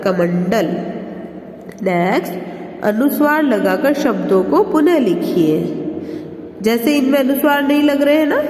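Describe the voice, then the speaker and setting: A woman's voice: high voice, a little mellow. A woman teacher giving a Hindi lesson to children, stretching out each example word as she pronounces it. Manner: slow, drawn-out pronunciation of example words. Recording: echoey room with long reverb.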